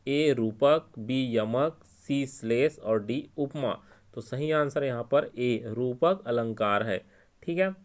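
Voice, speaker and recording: A man's voice: mid-range voice, slow. A man with a Chhattisgarhi Hindi accent teaching an exam-prep lesson, explaining each answer step by step and repeating the key points.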